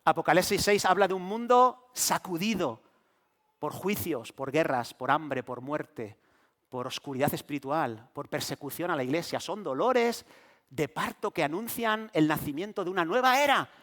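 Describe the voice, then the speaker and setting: A middle-aged pastor delivers his sermon in a high, light voice. He tells his story vividly, acting out the voices of the people in it as he goes. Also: animated, normal speed, fairly bright tone. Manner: storytelling preacher who acts out quoted voices.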